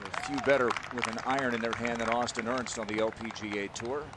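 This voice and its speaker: A man working as lead golf commentator, calling tournament highlights and setting up each shot. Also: fairly even intonation, quick pace, over a noisy crowd, heavy background noise. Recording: music behind the voice.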